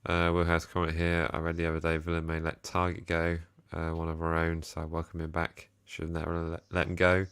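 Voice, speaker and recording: A man's voice: deep voice, completely flat delivery, a little fast, few pauses, fairly bright tone, smooth. A young man co-hosting a casual football fan show, chatting and reading out viewer comments. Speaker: co-host of a football fan channel. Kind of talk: casual chat.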